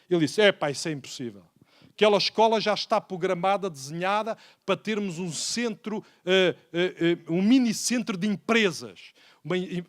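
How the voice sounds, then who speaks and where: A male pastor with a European Portuguese accent delivers a sermon in a high voice. He tells a story, plays each quoted speaker, and keeps calling his listeners brothers. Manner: storytelling preacher, acting out quoted dialogue, often addressing listeners as brothers.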